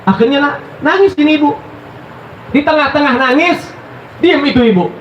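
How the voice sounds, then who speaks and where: High-voiced man preaching in echoey hall. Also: moderate pace, slight background noise. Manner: animated storyteller, addresses listeners as brothers. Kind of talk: sermon storytelling. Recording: echoey, dull live recording.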